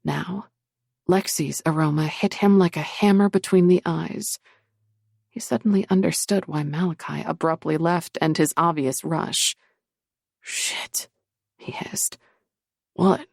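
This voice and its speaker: A woman narrating a paranormal romance audiobook in a measured, steady reading. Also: low-pitched, creaky, no room sound, clean studio sound. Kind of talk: scripted narration.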